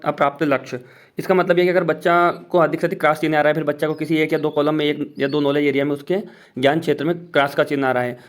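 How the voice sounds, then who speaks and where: A man talks other teachers through an assessment worksheet point by point in a casual voice-over walkthrough. His voice sits a little higher than most men's, and he talks very quickly. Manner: explains step by step, pointing at a sheet.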